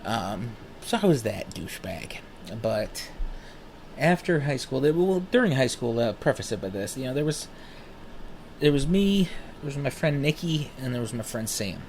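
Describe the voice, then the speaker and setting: A man in his thirties, smoking while he talks, telling rambling personal stories in a casual, animated way and swearing freely. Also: medium pitch, moderate pace, a little hiss or hum. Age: 30s. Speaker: vlogger.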